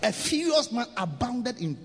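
A man with a strikingly high, animated voice delivers an emphatic sermon, swinging between shouted lines and quiet asides. The sound carries a long church-hall reverb with a faint noise floor. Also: a little slow, husky. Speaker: preacher. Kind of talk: sermon with live interpretation.

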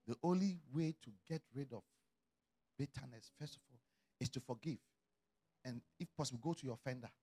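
A middle-aged man preaching a sermon as a pastor, swinging from quiet, low asides to loud shouted calls. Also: fairly quick, long pauses, slightly rough.

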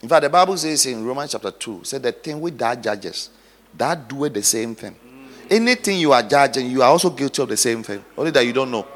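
Husky-voiced man preaching in a reverberant hall. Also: medium pitch, lively intonation, brisk. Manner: dramatic preaching, swings between hushed storytelling and loud exhortation. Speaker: pastor. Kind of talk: sermon.

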